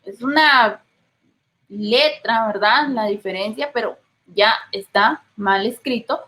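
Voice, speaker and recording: Slow, patient woman teacher, Guatemalan accent. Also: a little high, bright, forceful tone, rough recording. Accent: Guatemalan Spanish. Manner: explains patiently, checks in with frequent rhetorical questions. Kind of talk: classroom lecture.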